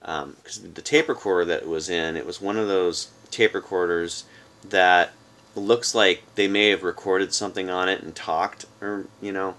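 A man's voice: sits low, fairly even intonation, normal speed, a bit bright. A man in his forties chatting casually to the camera in a rambling way, recorded on a phone in a room at home. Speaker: vlogger. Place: small room indoors at home.

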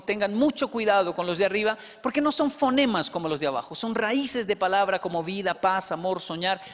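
A long reverb trails through the hall as a motivational speaker with a Colombian accent, speaking high in his range, tells an audience lively stories. He acts out the dialogue with quick asides, handheld microphone in hand, on a large indoor stage.

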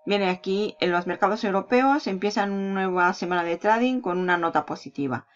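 A woman's voice: medium pitch, fairly quick. A woman giving a casual screen-recorded tutorial on online marketing, walking through search results and brushing past details with "bla, bla". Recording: dull lo-fi audio.

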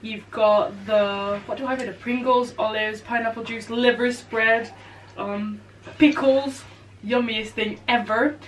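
High, unhurried woman, giggly. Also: fairly even intonation, reverberant. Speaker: vlogger hosting a food challenge with siblings. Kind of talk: casual chat. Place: indoors at a table. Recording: distant camera mic with background music.

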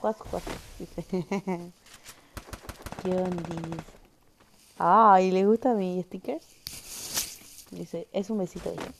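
A woman's voice: lowish voice, fairly even intonation, slow pace, gravelly, long pauses. A young woman streaming a game, chatting casually with viewers and giggling often. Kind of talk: casual live-stream chat while gaming. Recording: noisy stream audio with game gunfire behind.

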